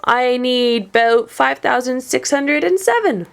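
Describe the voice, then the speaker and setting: A woman's voice: sits high, expressive, slow, creaky, a bit bright, pitched above the performer's own voice, full character voice. A woman voicing a pompous, boastful male turtle king who bellows his commands, read from a storybook. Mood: indignant.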